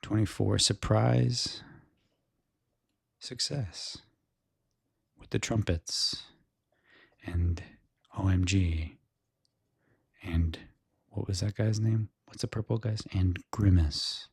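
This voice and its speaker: A man with an American accent giving soft-spoken, breathy ASMR sports commentary in a casual, musing way. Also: on the low side, slow pace, pauses often, no room sound, studio quality. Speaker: host giving a baseball season preview.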